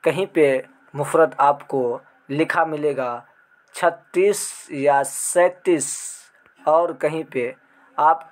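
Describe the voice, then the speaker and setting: A man with a fairly high voice and an Indian Urdu accent teaches an exam prep grammar lesson. He explains each point step by step. He recites the letters one at a time and asks his class questions as he goes.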